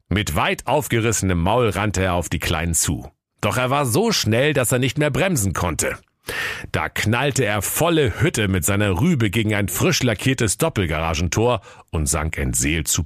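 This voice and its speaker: A man's voice: lowish voice, dry recording, studio quality. A man narrating a comic fairy tale in a playful storyteller's voice, addressing children.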